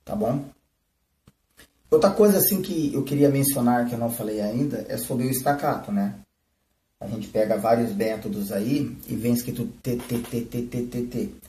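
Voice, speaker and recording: A man teaches flute live, walking through techniques and often asking "né?" and "tá?". His voice is medium-pitched and warm at a moderate pace; the recording of this streamed lesson sounds roomy and distant.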